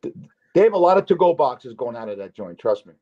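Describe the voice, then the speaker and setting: A man hosting a podcast, chatting loosely and telling stories with lots of restarts and emphatic asides. His voice sits at an ordinary middle pitch. The audio is a bit dull and lo-fi. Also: sing-song, fast. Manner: rambling, restarts, emphatic storytelling. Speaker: podcast host. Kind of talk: casual chat. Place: Las Vegas.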